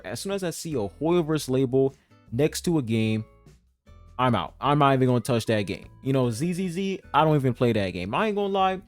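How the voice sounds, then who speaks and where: A man's voice: medium pitch, darkish tone. A man reacting to a gaming video in casual commentary, exasperated, swearing and stumbling over his words as he talks to his viewers.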